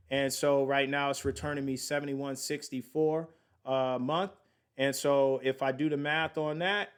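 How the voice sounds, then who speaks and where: With a clear, resonant tone that sits somewhat high for a man, a late-thirties host chats about investing on a relaxed podcast. Slangy and talkative, he says y'all to his listeners and calculates the numbers out loud as he goes.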